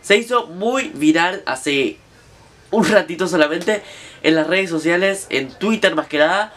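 High-voiced young Argentine man, chatty. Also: a little slow, a bit bright. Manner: chatty, slangy, addresses viewers directly. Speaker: vlogger. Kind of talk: casual storytelling to camera.

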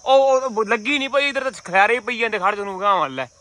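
A man with a Malwai Punjabi accent giving casual vlog commentary outdoors, complaining bluntly in rough village banter and repeating his words. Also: high-pitched, fast talker, sharp tone. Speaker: vlogger at pigeon-flying contest. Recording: noisy outdoor village ambience.

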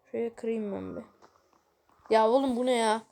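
A woman's voice: a little high, moderate pace, gravelly, warm tone. A woman giving casual let's-play commentary, exasperated and grumbling at the game while talking straight to her viewers. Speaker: gaming video creator.

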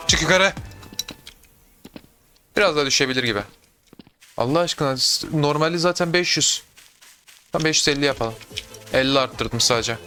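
A young adult man doing casual gameplay commentary, excitable, talking to himself and viewers with sudden yelps. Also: medium pitch, a little fast, long pauses, soft background music. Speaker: gaming YouTuber.

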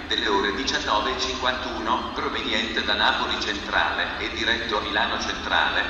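Station PA voice: low-pitched man, formal measured announcements over a loudspeaker, heard from far off in a big echoing hall with train noise. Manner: formal, evenly paced announcements. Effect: public address loudspeaker.

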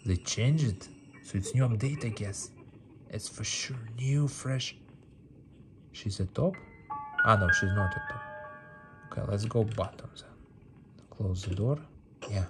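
Game music plays as a mobile game streamer offers casual, playful commentary, often repeating words and phrases in non-native English. His voice is fairly low, his pace measured, and he pauses frequently.

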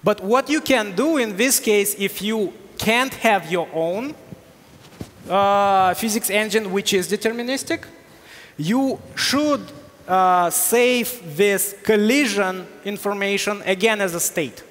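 A man in his thirties with a high voice answers technical questions from a conference audience on stage, walking through each point slowly and filling gaps with frequent "uh"s. His headset mic picks up a somewhat bright tone, and the large hall leaves a long reverb behind his words.

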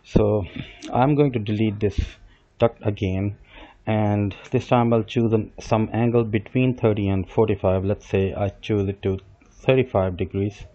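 A software instructor with a low, mellow male voice records a screen-captured tutorial from his desk at the computer. He explains each step as he works, making small restarts and self-corrections, and the voice recording sounds dull and lo-fi.

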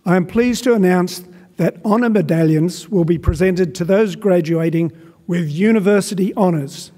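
A man's voice: high-pitched, warm tone. An older man making formal, stately announcements at a graduation ceremony, reading titles with small stumbles into a podium microphone in a large arena. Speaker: master of ceremonies. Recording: long reverb of a large hall.

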